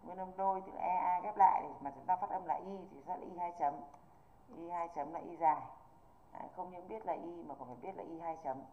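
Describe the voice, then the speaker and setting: A woman runs an online English exam review, patiently pausing again and again to make sure her students are following. Her slightly low voice moves fairly quickly. It reaches us over a narrow, tinny video-call line carrying a little hiss or hum.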